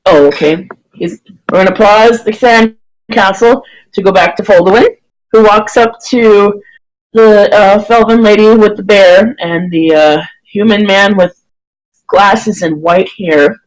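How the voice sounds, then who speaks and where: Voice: mid-range voice, steady tone, measured pace, rough recording. A dungeon master narrating a tabletop game in a hesitant way, with frequent fillers and restarts.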